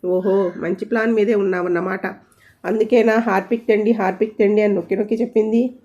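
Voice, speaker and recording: A woman voicing a fussy, quick-tempered young husband who scolds and gives orders. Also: mid-range voice, fairly even intonation, warm tone, lightly acted. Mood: angry. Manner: bossy, scolding. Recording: dull lo-fi audio.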